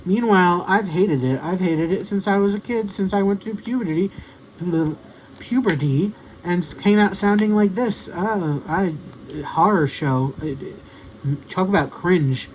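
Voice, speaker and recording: A man's voice: high-pitched, a little slow, a little mellow, slight background noise, rough recording. A man, a YouTube creator, chatting casually about songs in a rambling, self-deprecating way.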